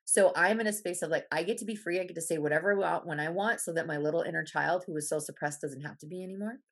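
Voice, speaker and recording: A woman's voice: fairly low pitch, fast. A woman guest in a casual podcast interview, blunt and emphatic, who swears freely.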